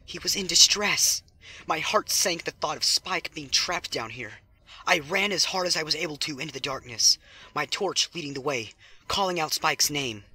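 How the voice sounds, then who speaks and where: Backed by music, a man reads dramatic scripted horror in a suspenseful, theatrical way. His voice is a little high, expressive and sharp with a breathy edge, at a normal speed.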